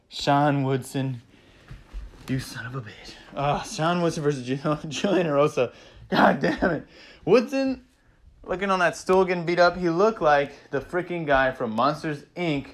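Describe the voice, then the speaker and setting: A man casually recapping fight results, excitable and rambling, swearing freely and peppering his talk with "man" and "you know". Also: on the high side. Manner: acts out fighters' thoughts in quoted asides. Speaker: MMA vlogger recapping fights.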